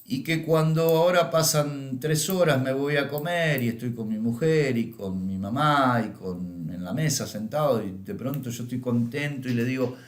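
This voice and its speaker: A man's voice: medium pitch, normal speed, hardly any pauses, roomy sound. A middle-aged man with a Rioplatense Spanish accent, teaching an astrology course through anecdotes and often checking in with a questioning "¿m?". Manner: tags lines with questioning "¿m?" and "¿eh?". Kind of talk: lecture with anecdotes.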